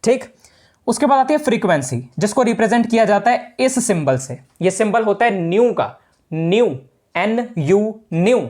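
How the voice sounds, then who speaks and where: A man's voice: sits high, animated, moderate pace, darkish tone. A male teacher giving a casual physics lesson to students, talking informally and repeating the key points.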